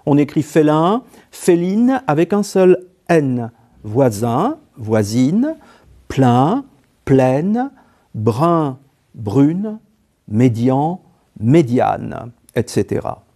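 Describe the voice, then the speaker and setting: A man narrating a scripted spelling lesson in a slow, measured way, spelling out letters one by one. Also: on the high side, big pitch swings, dark tone. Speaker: French spelling teacher.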